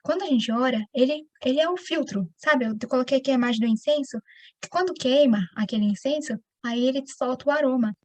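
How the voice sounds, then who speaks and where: A woman with a Brazilian Portuguese accent teaching the Bible in a conversational, animated way, often addressing her listeners directly. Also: high-pitched, fairly quick, dry recording. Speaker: preacher.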